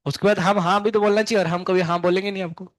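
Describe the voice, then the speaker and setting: High-voiced male teacher quizzing his class. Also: fairly even intonation, no echo. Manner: chatty, scolding then explaining, asks students many quick questions; hums tunes to show wave shapes. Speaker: physics teacher. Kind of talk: live classroom lecture.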